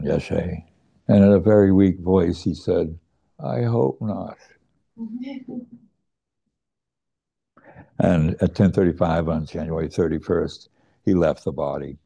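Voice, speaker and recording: A middle-aged man slowly telling a personal story, reflective and hesitant, pausing and restarting his words. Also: low-pitched, creaky, mellow. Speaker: student recounting his teacher's death.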